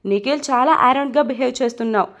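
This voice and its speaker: A level-headed young man who scolds a friend and lays out what really happened, as a woman reads him. The delivery is high and even. It suits a spoken romance storybook. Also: fast talker. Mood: reproachful. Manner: reproachful, explaining. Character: calm reproachful young male friend.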